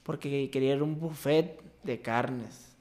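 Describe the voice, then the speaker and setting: A man's voice: mid-range voice, darkish tone. Young Mexican man telling a story. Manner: emotional, halting retelling with many restarts. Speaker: guest, baseball player. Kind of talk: casual interview storytelling.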